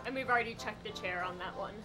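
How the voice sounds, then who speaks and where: A woman's voice: mid-range voice, quick pace, low-quality recording. A young woman chatting casually as co-commentator during a video game session. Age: young adult. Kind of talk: casual chat during gameplay. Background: loud video game music.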